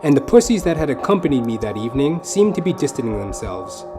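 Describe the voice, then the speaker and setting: A man with a medium-pitched, sing-song voice talks quickly. He's a comedian and storyteller delivering scripted comic narration for an audio play, using theatrical, mock-literary phrasing over music.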